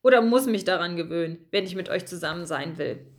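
A woman's voice: on the low side, expressive, fairly quick, voice pushed down, close to an everyday voice. A timid young male mouse, voiced by a woman reading aloud, earnest and a little shaken but trying to sound brave. His voice stays close to a light storybook tone.

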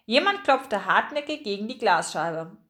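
Expressive woman narrating a children's book. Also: mid-range voice. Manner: expressive, slows for suspense. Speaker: audiobook narrator.

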